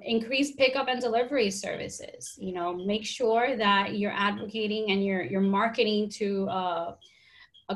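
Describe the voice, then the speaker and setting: A woman's voice: mid-range voice, a bit bright, rough recording. A woman, an HR consultant, giving practical business tips on a webinar in a conversational way. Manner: practical, conversational, many "you know"s. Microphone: video call.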